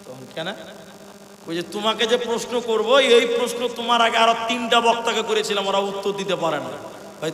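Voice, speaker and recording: A man preaching a sermon at a religious gathering, telling a story, acting out both sides of a conversation, and building up to shouts. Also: high-pitched. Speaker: Islamic preacher. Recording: echoey hall reverb, faint hum.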